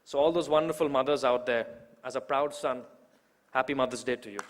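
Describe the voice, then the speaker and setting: A man's voice: medium pitch, brisk, background noise. A man in his twenties giving a rousing, emphatic public speech at a political event, building his points through repetition. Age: 20s. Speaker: youth organizer introducing the main speaker. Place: large event hall. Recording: long hall reverb.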